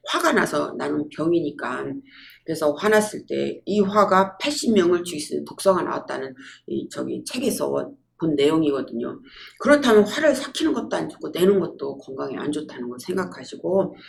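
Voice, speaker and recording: A woman giving a public lecture, telling lively stories and acting out quotes. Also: on the low side, creaky. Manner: lively storytelling with acted-out quotes.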